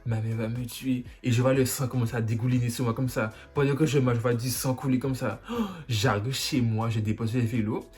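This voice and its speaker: A man vlogger telling a story, animated and dramatic with sound effects. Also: medium pitch, a little fast, hardly any pauses, soft background music. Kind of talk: storytime vlog.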